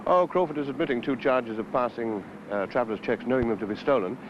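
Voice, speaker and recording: Man playing a wry senior detective, low-pitched, dated TV sound. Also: quick pace, natural voice. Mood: measured, explanatory. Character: wry senior British detective briefing his subordinate. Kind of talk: 1970s British television drama dialogue. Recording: dull, noisy 1970s television location sound.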